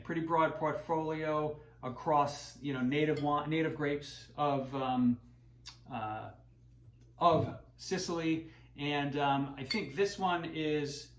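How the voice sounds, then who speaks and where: A man hosting a wine channel, talking casually and rambling with many fillers and restarts. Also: mid-range voice. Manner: self-deprecating. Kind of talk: casual unscripted talk. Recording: roomy echoey room.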